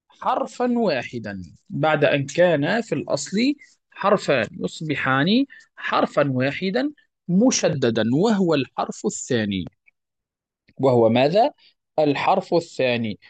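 A man's voice: on the high side, gravelly, dry recording. A man teaching a lesson on Quran recitation rules, explaining patiently, repeating himself and correcting his own slips. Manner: patient and repetitive, often correcting himself mid-word; asks the listeners questions, then answers them himself.

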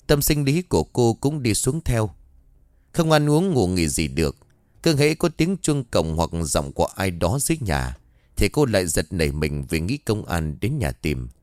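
Expressive male story narrator. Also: fairly low pitch, dry recording, clean studio sound.

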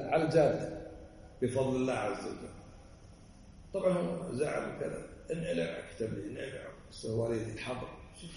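A man's voice: fairly high pitch, a little mellow. Man lecturing from afar in an echoey hall. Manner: emphatic, fires rhetorical questions. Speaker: religious teacher. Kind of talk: lecture explaining a classic text. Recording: echoey hall, voice far from the mic, faint background noise.

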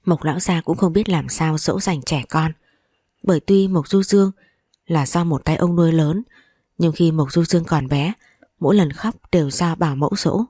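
A woman narrating an audiobook in a steady, even reading voice. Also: sits low, moderate pace, slightly rough, no echo, studio quality. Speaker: story narrator.

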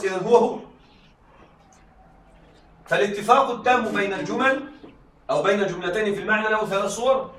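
He teaches rhetoric in a high, somewhat bright voice, frequently asking whether the class follows and restating his examples. The audio carries room echo and faint noise from a far-off microphone.

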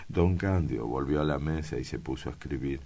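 A man narrating a classic novel as an audiobook reader, in a measured, even manner. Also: a bass voice.

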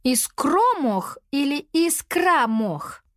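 A woman voicing an impatient young girl apprentice wizard in a storybook reading, with excitable, shrill exclamations. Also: very slow, dry recording, clean studio sound, full character voice. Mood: flustered. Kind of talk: storybook character voice.

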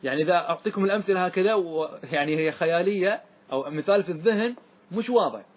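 Husky man teaching a grammar class. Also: high-pitched, fast talker. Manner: asks students questions and repeats answers.

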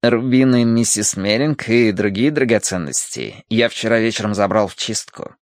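A man doing a calm low-voiced butler. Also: dry recording, studio quality. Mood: calm, deferential. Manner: measured, deferential, low. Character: calm unflappable Victorian butler.

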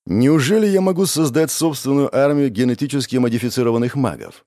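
A man narrating a first-person audiobook in a dramatic, expressive way. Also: mid-range voice, fairly quick, dry recording, studio quality.

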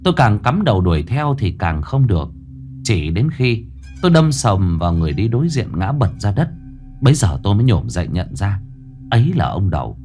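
Man telling a ghost story with lively pitch. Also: fairly quick, soft background music. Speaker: narrator. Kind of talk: spoken ghost story narration.

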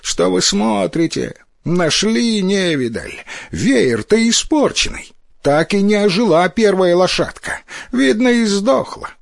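Guy putting on a shrill jealous schoolboy, high and jeering, storybook tale. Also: very animated, takes it slowly, gravelly, no room sound, studio quality, exaggerated voice. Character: envious mocking schoolboy.

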